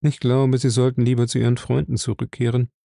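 A man doing a calm, composed detective. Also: mid-range voice, vocal fry, no room sound, studio quality, natural voice. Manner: calm, measured.

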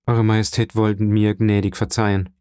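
A man's voice: lowish voice, flat delivery, brisk, mellow, clean tone, no echo, studio quality, close to an everyday voice. A man voicing a deferential young official in an audiobook reading, formal and respectful.

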